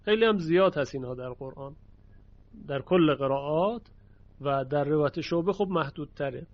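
A man teaching a lesson on Quranic readings, explaining the rules and chanting short verse examples slowly. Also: fairly high pitch, no echo, lo-fi sound.

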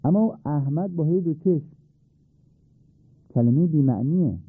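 A man's voice: medium pitch, expressive, no echo. A man teaching Arabic letter pronunciation for prayer and Quran recitation, patiently repeating and demonstrating sounds. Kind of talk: radio-style pronunciation lesson. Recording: tinny phone-like dry sound.

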